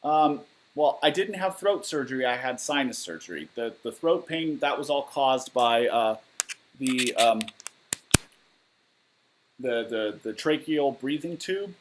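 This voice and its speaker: A man's voice: medium pitch, measured pace, noisy background. Man, 30s, from Southern California; laid-back livestream Q&A host, candid and rambling, laptop mic in a living room. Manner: candid, matter-of-fact, rambling with fillers. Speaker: musician livestreaming Q&A. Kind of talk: casual livestream Q&A, reading viewer questions. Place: living room at home, indoors. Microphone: webcam or laptop mic at desk.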